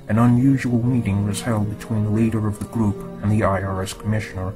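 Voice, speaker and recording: A disguised, lowered male voice reads a formal script at an even, measured pace. The tone sits fairly low, and music plays clearly underneath the narration. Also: low-quality recording. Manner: steady, formal reading. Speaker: anonymous narrator.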